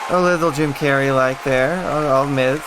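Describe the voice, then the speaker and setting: A man's voice: mid-range voice, steady tone, normal speed, crowd noise, noisy background. A man co-hosting a podcast, chatting offhandedly with jokes and swearing. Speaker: podcast co-host. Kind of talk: casual chat, live translating a clip.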